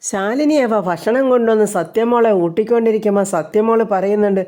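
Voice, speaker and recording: Mellow-voiced woman retelling a serial episode. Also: medium pitch, a little fast. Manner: chatty storytelling, acts out quoted lines.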